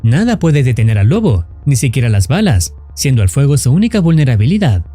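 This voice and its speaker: Over faint background music, a man recaps a scripted horror story, his pitch bouncing up and down with lively energy. His tone stays bright yet controlled, and his husky voice moves at a slightly quick pace.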